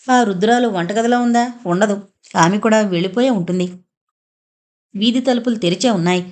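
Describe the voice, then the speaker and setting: A woman's voice: medium pitch, a little mellow. Woman narrating a horror audio novel.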